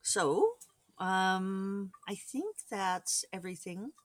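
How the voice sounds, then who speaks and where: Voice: medium pitch, animated, takes it slowly, a bit bright. An author hosting their own podcast, talking to readers in a rambling, chatty solo update with many restarts and asides. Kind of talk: casual solo podcast chat.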